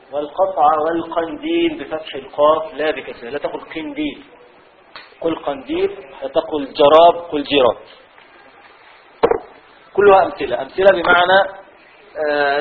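A man with an Egyptian accent teaching a class on a classical law text. He reads a passage aloud, then explains it slowly with many repetitions. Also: fairly high pitch. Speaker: religious teacher. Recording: tinny phone-like audio.

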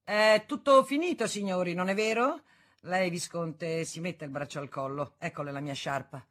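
A woman's voice: on the low side, normal speed, fairly bright tone. A woman doing an imperious haughty baron. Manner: commanding. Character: haughty aristocratic man, imperious and dismissive.

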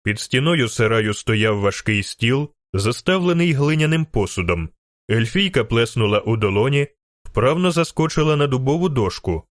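A man reading an audiobook in steady, rhythmic scripted narration. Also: medium pitch, moderate pace, no room sound, studio quality. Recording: narration over faint music.

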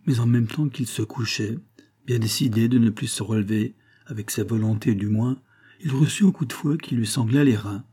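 A man reading an audiobook aloud in a measured, expressive narrating style. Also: medium pitch, slightly rough.

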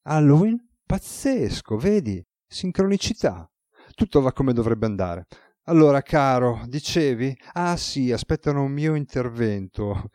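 A man voicing a weary, ironic male god with a relaxed, teasing manner, as read in an audiobook. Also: medium pitch, normal speed, no echo, studio quality, natural voice. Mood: wry.

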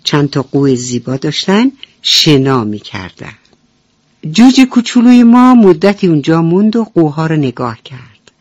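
A woman's voice: low-pitched, breathy edge, no echo. Woman telling a bedtime story on the radio. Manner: warm, affectionate, addresses children directly. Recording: dull lo-fi radio recording with faint music.

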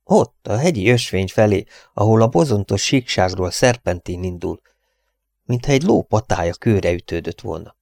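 Low gravelly male audiobook narrator. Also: expressive, darkish tone, no echo, clean studio sound. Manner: measured, dramatic storytelling. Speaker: audiobook reader. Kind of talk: scripted narration.

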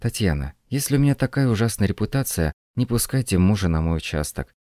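A man's voice: lowish voice, dry recording, clean studio sound, voice pushed up, close to an everyday voice. A man voicing a firm, composed young woman. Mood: stern. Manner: calm, measured, firm. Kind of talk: audiobook reading.

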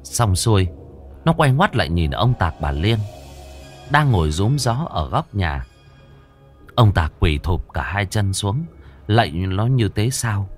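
A man's voice: lowish voice, sing-song, measured pace, soft background music. A man narrating a scripted ghost story in a dramatic, vivid way.

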